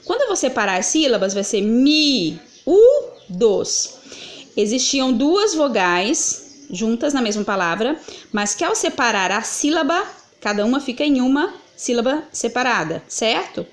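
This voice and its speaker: A woman walks through grammar exercises, patient and methodical, asking questions and answering them herself. Her voice sits a little high for a woman. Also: sing-song, normal speed. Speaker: Portuguese teacher.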